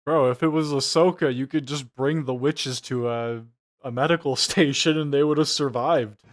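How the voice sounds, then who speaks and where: A man's voice: mid-range voice, fairly even intonation, normal speed. Incredulous, swearing man reacting to a show. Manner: profane, incredulous. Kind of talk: casual mocking reaction commentary.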